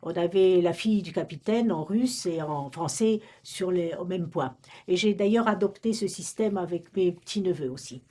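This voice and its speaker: An elderly Romanian ex-librarian talks about her life in an oral history interview, hesitant and prone to restarts and fillers. Her voice is fairly low and mellow, at a moderate pace.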